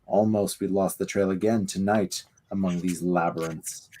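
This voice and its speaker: Guy reading a cold calm sorcerer, low flat voice, never raises it. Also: normal speed, over a noisy crowd, lightly acted. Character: cold, calm male sorcerer-assassin, monotone. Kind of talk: reading a novel's dialogue aloud.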